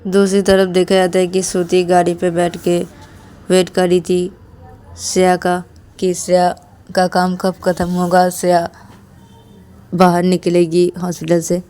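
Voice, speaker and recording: A woman's voice: on the low side, completely flat delivery, unhurried, dark tone. A woman narrating a story casually as her channel's host, linking scenes with simple repeated phrases. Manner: plain, repetitive linking with "to tabhi".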